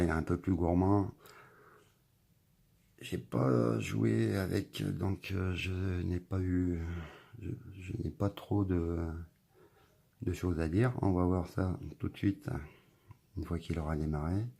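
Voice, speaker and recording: Male tech vlogger, deep gritty voice, laid-back rambling review, music under him. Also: takes it slowly, vocal fry, long pauses. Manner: relaxed, rambling, filler-heavy commentary. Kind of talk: casual product review.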